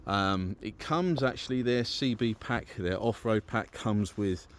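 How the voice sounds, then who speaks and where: A British man presents an installation on his vehicle, chatting informally to a handheld camera or phone in a relaxed walk-through. His voice is lowish and he speaks a little slowly.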